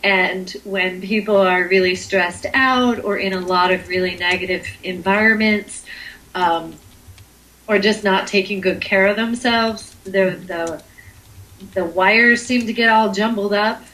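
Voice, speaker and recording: A woman's voice: medium pitch, fairly even intonation, unhurried, pushed and bright, poor audio. A woman being interviewed as a Reiki healer, talking in a hesitant way with many ums and restarts. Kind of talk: conversational interview.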